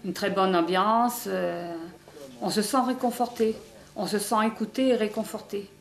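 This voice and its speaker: A woman from northern France speaking earnestly in a documentary interview, halting and restarting her sentences. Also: medium pitch, steady tone, creaky. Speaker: hospital nutrition workshop participant. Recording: echoey room.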